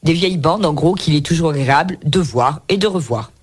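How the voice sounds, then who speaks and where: A man's voice: on the high side, fairly quick, husky. Chatty male radio book host. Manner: chatty, playful asides. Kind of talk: reviewing books on air.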